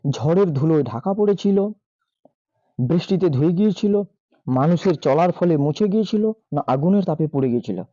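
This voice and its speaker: A hoarse male teacher reads out exam questions and their options, then gives the answers. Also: on the high side, expressive, moderate pace, warm tone, dry recording. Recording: dull lo-fi mic.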